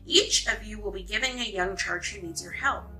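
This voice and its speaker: A woman reading aloud voices a wise female fairy godmother who instructs her students formally and in measured tones. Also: medium pitch, sharp tone, faint music behind, natural voice, rough recording. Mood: instructive.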